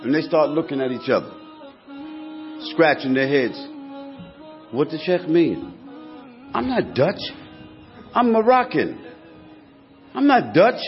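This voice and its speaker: A man's voice: a little high, very animated, slow pace, pauses often. A man preaching a sermon to a congregation, building his points through emphatic repetition. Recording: dull lo-fi recording with faint music.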